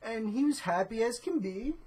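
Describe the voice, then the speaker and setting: Breathy, drawling laid-back woman. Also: fairly high pitch, expressive, normal speed, a little mellow. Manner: drawling stoner-dude talk, ends phrases with "man"; rambling, full of "you know" and "uh". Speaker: vlogger. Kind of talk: laid-back comedic vlog monologue.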